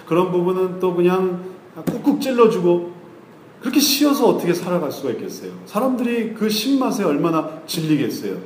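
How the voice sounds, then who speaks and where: A middle-aged man preaching a sermon as a pastor, asking rhetorical questions that rise to emphatic peaks and then drop low and slow. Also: a little mellow, reverberant, slight background noise.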